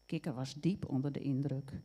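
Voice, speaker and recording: A woman reading a children's story aloud, unhurried, with the odd small slip. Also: rumbling low, fairly even intonation, dark tone, breathy edge. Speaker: reader.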